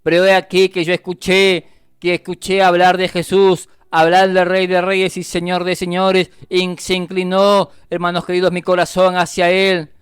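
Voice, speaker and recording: High-voiced man preaching a fervent radio sermon. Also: completely flat delivery, moderate pace, smooth, no echo, studio quality. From Argentina. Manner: fervent preaching, keeps addressing listeners as brothers; repetitive, restates phrases. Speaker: deacon preaching on a radio program.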